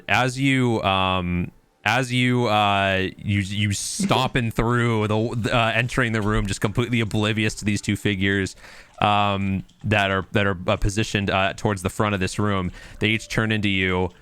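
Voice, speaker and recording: A young man with a low, clean and smooth voice runs a tabletop game as dungeon master. He wanders loosely through his rulings, then settles into reading the scene aloud to his players. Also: a bit bright, dry recording. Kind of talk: narrating a tabletop game over voice chat.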